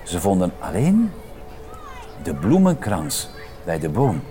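A man reading a children's picture book aloud, expressive and shifting his voice for the characters. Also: slow. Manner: lively, expressive, voices characters with pitch changes. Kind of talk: children's story read-aloud.

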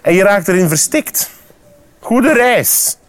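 A smug, boastful frog croaks out his teasing in a high, bouncing voice, as a Flemish man puts him on. He sounds loud and scornful, a show-off from a children's storybook. The pitch leaps up and down. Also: sing-song, slow, exaggerated voice. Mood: mocking.

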